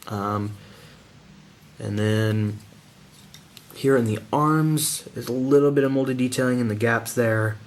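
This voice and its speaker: A man giving a casual hands-on toy review in an informal, slangy, enthusiastic manner. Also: lowish voice.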